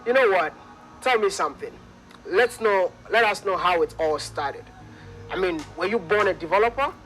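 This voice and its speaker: A high, bright-voiced Ghanaian man with a Ghanaian accent interviews his guest with eager energy. Faint music plays under his voice. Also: lively intonation, normal speed, low-quality recording. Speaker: interviewer, vlogger. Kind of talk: on-location interview.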